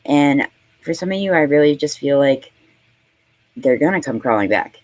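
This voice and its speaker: A woman's voice: deep voice, animated, moderate pace, a little mellow, no echo, rough recording. A woman in her thirties giving a casual tarot reading, chatty and profane, laughing often and talking with plenty of fillers. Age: 30s. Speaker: tarot reader.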